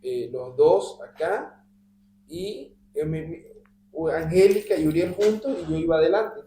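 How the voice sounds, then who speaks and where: A man shares a personal story with his Bible study group, his voice fairly high and mellow. He drops almost to a whisper when he repeats his prayers. The recording sounds roomy, with a faint hum underneath. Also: expressive, a little slow. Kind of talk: telling a personal story in conversation. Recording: echoey room with faint hum.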